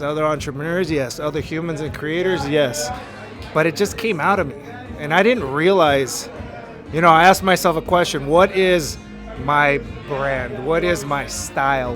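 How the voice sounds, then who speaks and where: A man's voice: on the high side, moderate pace. Earnest man with a slightly raised voice. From Los Angeles. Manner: earnest, motivational. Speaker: artist interviewed. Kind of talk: reflective interview talk. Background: music.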